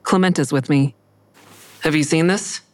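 In a first-person audio drama, a woman plays a troubled, defiant suspect narrating her own story and dialogue, pointed, anxious and guarded. Her low voice moves at a moderate pace, lightly acted, with no room sound and music in the background.

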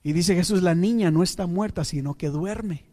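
A man preaching a sermon as pastor, with dramatic pauses and occasional English asides. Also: high-pitched, dark tone. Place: church. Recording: church hall reverb.

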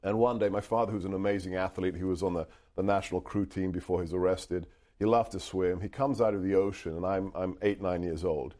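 This author, a middle-aged Hungarian speaker from the United Kingdom, has a low, warm voice with fairly even intonation and a brisk pace. In his interview answers he tells a story with earnest emphasis, restarting phrases often.

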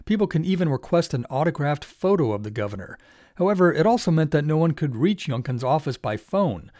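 Man, radio news reporter, fairly high voice, scripted report, dry studio. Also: big pitch swings, fairly quick, darkish tone, no room sound.

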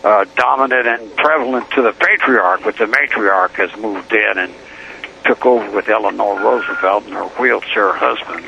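A man's voice: on the low side, normal speed, gravelly, bright, forceful tone. An older man calling in on a prison payphone line, rambling, chanting words over and over and laughing as he talks. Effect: heard over a prison payphone line. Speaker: prison inmate caller. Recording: muffled phone line, faint hiss.

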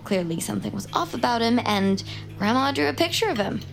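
This fairly high, expressive female voice moves quickly and has a creaky edge, with faint music behind it on a poor-quality recording. She plays a young crime survivor in an audio drama, inquisitive and driven, stressing each fact with urgent intent in a naturalistic style.

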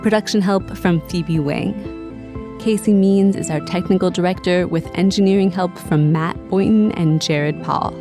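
A woman host and reporter narrating a documentary podcast and interviewing in a measured, reflective way. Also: lowish voice.

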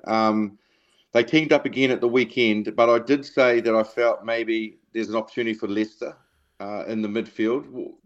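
A man's voice: medium pitch, lo-fi sound. A man asking long, casual questions as a panellist on a rugby show. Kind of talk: casual sports interview.

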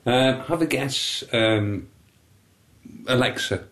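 A man's voice: mid-range voice, slow, a bit bright. A man co-hosting a podcast, chatting casually with dry, probing questions. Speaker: podcast co-host. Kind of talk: casual chat.

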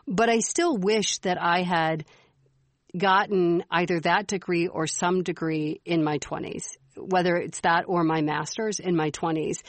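A woman's voice: lowish voice, fairly even intonation, a little slow, dry recording. A middle-aged woman co-hosting a podcast, talking in an earnest, reflective casual chat. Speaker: podcast co-host.

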